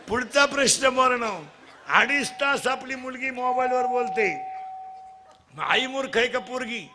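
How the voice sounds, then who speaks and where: With a very high voice and a noisy background, a middle-aged man preaches a comical devotional kirtan, poking fun at the children while drilling them in loud call-and-response.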